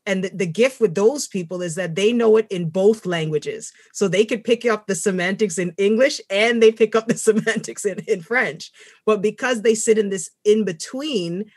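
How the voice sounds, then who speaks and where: A woman from Canada speaks reflectively on a video call, now and then with a light laugh in her words. The sound is dry, with no room around it. Her pitch sits in the middle. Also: moderate pace, darkish tone, husky, no echo. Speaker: panel guest writer. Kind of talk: webinar discussion.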